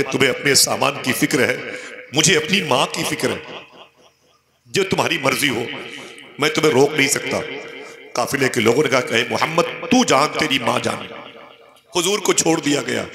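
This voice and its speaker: A man giving an emotional sermon, telling the story with passion and rising to high cries when he quotes. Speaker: Islamic preacher. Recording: echoey hall with crowd behind. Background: listening crowd.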